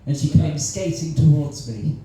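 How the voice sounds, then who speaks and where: Brief: Cornish male improviser, mellow dark voice, self-mocking, in a very echoey live room. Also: on the high side, normal speed. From Cornwall. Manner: self-deprecating, chuckles at his own jokes. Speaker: improv comedian. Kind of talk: solo improvised stand-up storytelling. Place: small live comedy venue with audience.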